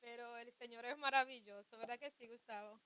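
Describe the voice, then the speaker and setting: Woman radio co-host, clear resonant voice, high and bright, chatty about faith. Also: steady tone, a little fast. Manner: chatty, reflective, laughs often.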